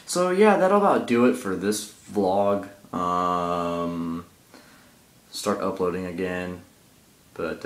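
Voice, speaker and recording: A teenage boy who makes gaming vlogs rambles jokily into an iPod camera held at arm's length, easily distracted and losing his thread. His voice is somewhat low, and the small tiled bathroom he's in gives everything a hard, echoing ring.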